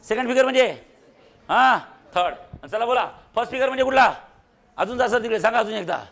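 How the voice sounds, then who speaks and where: A man's voice: very high voice, brisk, gravelly, a bit bright. A man teaching a physics class in a classroom, quizzing and teasing his students with jokes. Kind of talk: classroom lecture.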